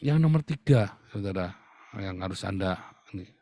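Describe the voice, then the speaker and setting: A pastor with a low, mellow, expressive voice preaches a sermon at normal speed, recorded without echo. He often calls the congregation "Saudara," speaking to them directly with humor and laughing as he goes.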